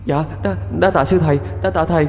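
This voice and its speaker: A man's voice: on the high side, steady tone, fairly quick, darkish tone, long reverb tail, soft background music, pitched above the performer's own voice, lightly acted. A man voicing an ancient vengeful male ghost who stammers as he begs for mercy. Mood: pleading. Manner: stammering, pleading.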